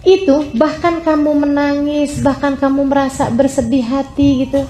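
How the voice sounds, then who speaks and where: High-voiced, emphatic female preacher. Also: steady tone, dark tone, echoey room, slight background noise. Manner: emphatic, swings between high exclamations and low drawn-out phrases; addresses her listeners as sisters again and again. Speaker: Islamic preacher. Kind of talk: sermon.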